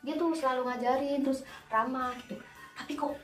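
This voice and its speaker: This young woman speaks high-pitched and fairly quick, a nurse vlogger spinning an animated story as she applies makeup. The sound is distant and roomy, with faint music underneath.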